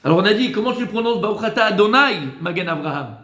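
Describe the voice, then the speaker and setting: A man leads a class as a rabbi, asking the room questions and answering them himself. His voice sits fairly high. The sound rings in an echoey room. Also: expressive, fast, sharp tone. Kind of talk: lively classroom teaching.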